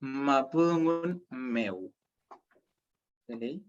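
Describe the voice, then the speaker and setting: A man's voice: mid-range voice, lively intonation, extremely slow, lo-fi sound. A man with a Chilean Spanish accent teaching a language class online, explaining step by step and checking in with students often.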